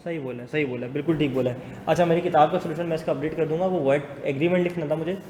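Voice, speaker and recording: A man teaching a business law class in a classroom. He talks fast, teases students and mixes English into his speech. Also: a little high, steady tone, mellow. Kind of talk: classroom lecture. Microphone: not using the class mic. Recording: echoey classroom with long reverb and faint noise.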